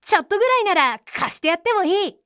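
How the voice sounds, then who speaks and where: A woman's voice: very high-pitched, big pitch swings, fast, dry recording, clean studio sound, pitched above the performer's own voice, exaggerated voice. A woman voicing a proud, naive male rabbit in a children's storybook reading, lofty in manner and easily upset. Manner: lofty and generous, then frantic and shouting.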